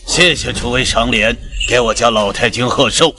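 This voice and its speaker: An actor playing a stern, proud noble marquis in a costume drama, speaking in a stiff, commanding way. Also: male voice, medium pitch, moderate pace, natural voice. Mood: formal. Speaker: head of a noble house. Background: music.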